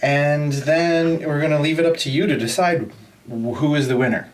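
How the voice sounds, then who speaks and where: A man's voice: a little high, fairly even intonation, normal speed. Laid-back older man co-hosting a podcast. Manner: laid-back, rambling, laughs easily. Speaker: podcast co-host. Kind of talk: casual chat. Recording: distant mic.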